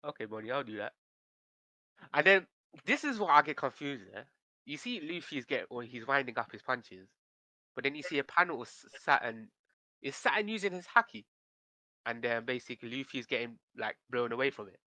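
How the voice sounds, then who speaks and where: A man's voice: medium pitch, fairly quick, no room sound. Man chatting animatedly on a podcast. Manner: rambling, animated retelling with slang. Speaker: podcast co-host. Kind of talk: casual chat.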